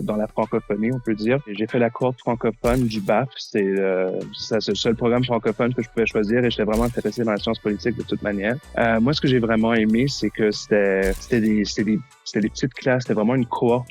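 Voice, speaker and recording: A young man tells his story in a relaxed testimonial, with many fillers and restarts. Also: on the low side. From British Columbia, Canada. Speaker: journalist, former student. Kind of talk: interview testimonial.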